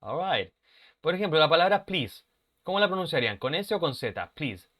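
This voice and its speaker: A man's voice: on the high side, very animated, brisk, fairly bright tone. A man teaching an online English class, patiently repeating words for pronunciation drills and laughing at his own mistakes.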